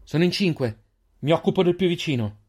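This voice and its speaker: A man's voice: on the high side, lively intonation, a little fast, darkish tone, slightly rough, pitched above the performer's own voice. A tough young huntress, voiced by a male narrator, speaking in tense, clipped phrases. The voice is lifted somewhat above the reader's usual tone. She sounds like a storybook fighter who refuses to back down.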